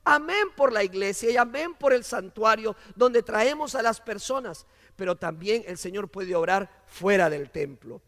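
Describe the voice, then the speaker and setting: A man preaching in a high voice, earnest and repetitive, building phrases up for emphasis. He sinks almost to a whisper on scripture lines. His voice rings out with a long reverb, as in a large sanctuary. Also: animated, a little slow, a bit bright. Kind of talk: sermon.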